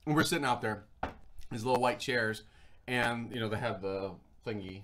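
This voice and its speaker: A man's voice: mid-range voice, moderate pace, background noise. A man hosting a casual livestream chat, rambling and talking while he eats. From Florida. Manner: rambling, chatty, talks while eating. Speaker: show host.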